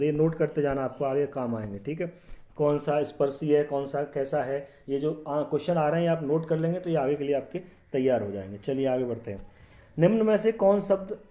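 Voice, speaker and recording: A male teacher going through exam-prep quiz questions, repeating each question and checking in with the viewer, his sentences often trailing off quieter. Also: on the high side. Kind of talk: quiz walkthrough, explaining answers.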